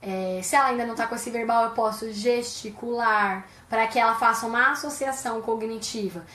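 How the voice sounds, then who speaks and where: A woman's voice: on the high side, fairly even intonation, fairly quick, sharp tone, reverberant. A Brazilian woman psychologist explaining things in a live-stream chat, asking rhetorical questions as she goes. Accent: Brazilian Portuguese.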